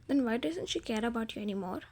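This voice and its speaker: A woman's voice: on the high side, lively intonation, quick pace, a little mellow. A woman voicing a young woman friend who asks questions in a sympathetic tone. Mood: concerned. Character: concerned young woman friend, gently prying.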